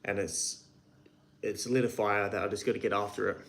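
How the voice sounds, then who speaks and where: A man's voice: lowish voice, fairly even intonation, fairly bright tone. Breathless man in his twenties mid-workout. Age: 20s. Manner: pep-talk delivery, swears casually, pauses to count reps. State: out of breath from working out. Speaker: livestreaming creator. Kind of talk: casual motivational livestream. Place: hot home shed.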